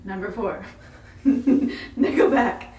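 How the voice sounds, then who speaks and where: A woman's voice: fairly high pitch, drawn-out words, mellow. A woman co-hosting a podcast in a casual chat, reading off trivia with frequent laughs. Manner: giggly, reads off a list of trivia. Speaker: podcast co-host. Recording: echoey room, distant mic, faint noise.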